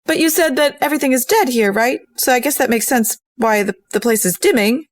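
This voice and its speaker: A woman's voice: sits high, a little fast. A woman playing a tabletop game, asking curious questions. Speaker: player. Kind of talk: casual tabletop game play.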